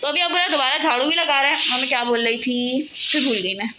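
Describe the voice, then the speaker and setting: A woman vlogging casually at home, chatting and rambling to her viewers and talking loudly over household noise. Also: sits high, fast talker. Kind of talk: casual home vlog chat. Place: at home, cooking and sweeping nearby.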